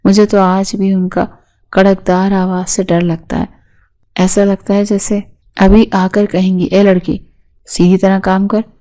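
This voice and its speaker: A woman's voice: medium pitch, little pitch movement, warm tone, close to an everyday voice. A woman reading a weary joking aunt. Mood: wry. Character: older aunt, tired and joking.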